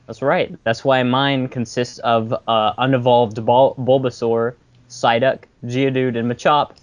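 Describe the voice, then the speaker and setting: A man's voice: medium pitch, flat delivery, a little slow, lo-fi sound. Male podcast co-host, easygoing, jokey dry asides, webcam-call sound. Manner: joking, agreeable, dry asides. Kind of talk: casual chat. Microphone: video call.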